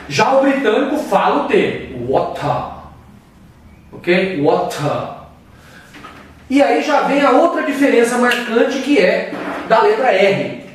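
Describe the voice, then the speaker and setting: In a casual, expressive English pronunciation lesson, a Brazilian teacher with a high voice explains things slowly and pauses to show how sounds are made. He's far from the microphone in a strongly echoing room, and there's slight background noise.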